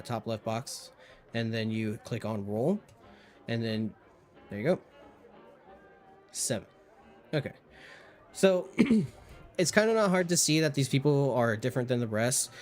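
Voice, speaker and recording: A man runs a tabletop game, describing characters and walking players through rolls. He rambles with plenty of fillers at an ordinary middle pitch. Faint music plays behind him. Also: animated, unhurried, pauses often, a little mellow. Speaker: game master. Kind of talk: narrating a tabletop game over voice chat.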